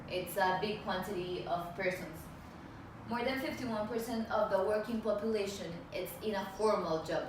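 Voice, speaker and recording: A young woman in her twenties gives a class presentation, stumbling and restarting as she goes. She sits well back from the microphone, and her voice rings around a very echoey room with a faint hiss behind it. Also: medium pitch. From Colombia and Mexico. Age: 20s. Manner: hesitant, many restarts and fillers. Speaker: student presenter. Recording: echoey room, far from the mic, faint noise.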